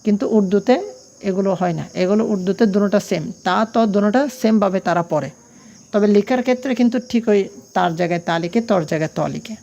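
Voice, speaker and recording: A woman's voice: mid-range voice, quick pace, dark tone, dull audio. A woman teaching an online language class. She patiently spells out letters and vowel marks, and she asks her students questions and then answers them herself.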